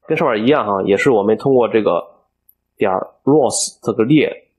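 A man teaching a coding tutorial over a screen recording, explaining each step aloud and filling pauses as he thinks. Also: fairly low pitch, darkish tone, breathy edge. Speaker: programming instructor.

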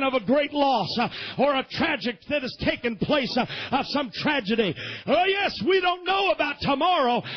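A pastor delivers a sermon, moving between fervent, shouted peaks and low, quiet passages while saying "amen" often. The sound is lo-fi.

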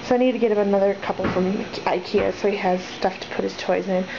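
A woman's voice: mid-range voice, fairly even intonation, fast, vocal fry. A woman in her twenties chatting casually as she walks a handheld camera through her home, rambling and poking fun at her own clutter. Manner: chatty, self-deprecating, rambling asides. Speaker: vlogger. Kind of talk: casual house tour vlog. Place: home, walking through rooms. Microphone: handheld camera mic. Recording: dull lo-fi camera audio with household noise.

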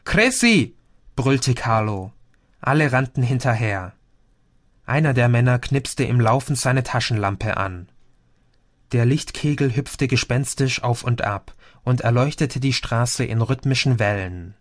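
A man narrates an audiobook in a steady, measured voice of middle pitch. The recording is close and dry, with no room around him. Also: no echo. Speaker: audiobook reader.

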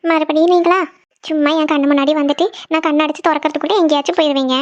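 A woman's voice: sits high, steady tone, rapid-fire, dull audio, close to an everyday voice. A woman voicing a young wife in a cartoon who misses her husband, speaking in an emotional, pleading way. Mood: longing. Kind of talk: cartoon voice acting.

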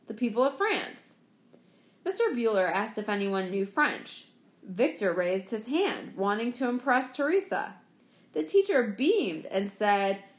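A woman narrating a short story in a steady, expressive storytelling manner. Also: mid-range voice. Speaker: story reader. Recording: roomy echo.

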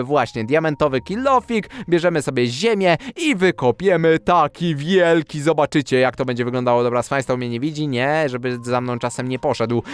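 A man's voice: a little high, clear, resonant tone, no room sound. A man giving playful, chatty Minecraft commentary, talking straight to his viewers and giggling often. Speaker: Minecraft YouTuber.

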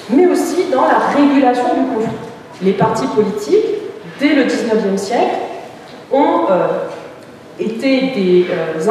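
A woman's voice: fairly high pitch, darkish tone, slight background noise. Woman lecturing in an echoey hall. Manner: hesitant, many fillers and restarts. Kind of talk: academic conference talk. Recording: echoey hall, distant mic.

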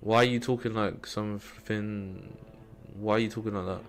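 A man's voice: on the low side, fairly even intonation, moderate pace. A male streamer trash-talking opponents, taunting and insulting them with scornful repeated questions. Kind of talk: live-stream trash talk. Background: game music.

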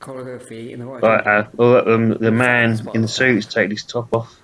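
Man, mid-pitched voice, improvised commentary, rambling, mocking, lots of ums and pauses. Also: little pitch movement, fairly bright tone. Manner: rambling, mocking, full of hesitations. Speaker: video commentator.

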